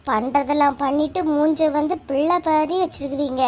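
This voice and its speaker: A woman's voice: high voice, steady tone, normal speed, a little mellow, close to an everyday voice. A woman voicing a fussy, peacemaking neighbour woman in a cartoon, with a Kanyakumari Tamil accent and a soothing yet chiding manner. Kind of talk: cartoon voice acting.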